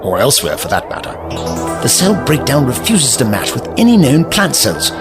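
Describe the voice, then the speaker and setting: The Doctor, theatrical older man, acted, hugely animated. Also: medium pitch, over loud music. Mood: grave, lecturing. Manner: theatrical, brisk, teasing, expository. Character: eccentric, clever, amused older male time-traveller. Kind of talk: audio drama acting.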